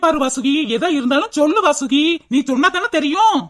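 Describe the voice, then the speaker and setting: A high, bright cartoon village girl voiced by a woman who is brisk and teasing, sure that she knows everything. She coaxes and needles in a southern Tamil Nadu rural dialect. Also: lively intonation. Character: bold, knowing young village woman.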